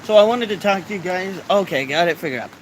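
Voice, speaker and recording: A man's voice: high voice, expressive, quick pace, low-quality recording. A stoned man chatting casually to his viewers outdoors, with a laid-back, meandering way of talking. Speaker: vlogger. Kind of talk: casual rambling chat to camera. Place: outdoors in rainy, cold weather. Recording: faint rain noise outdoors. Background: light rain.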